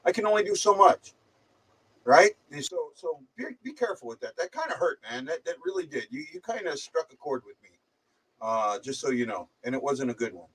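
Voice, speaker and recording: A man's voice: on the high side, sing-song, fairly quick, a bit bright, slight background noise. Man sounding muffled, like on speakerphone. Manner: rambling, hesitant, stumbling repeats. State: slight head cold. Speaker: livestream host. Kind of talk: casual chat. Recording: distant muffled mic.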